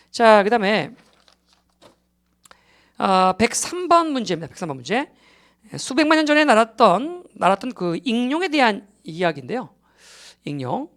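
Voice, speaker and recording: A man's voice: high-pitched, a bit bright. A man giving a recorded exam-prep English lecture. He explains step by step, keeps checking that students follow, and drops English terms into his Korean.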